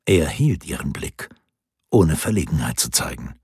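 Brief: male audiobook narrator, steady and measured, very raspy timbre. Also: rumbling low, no room sound, clean studio sound.

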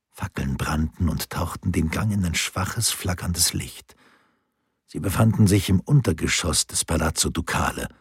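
A man reading an audiobook in a steady, measured storytelling voice. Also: sits low, slightly rough, no room sound, studio quality. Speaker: narrator. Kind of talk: audiobook narration.

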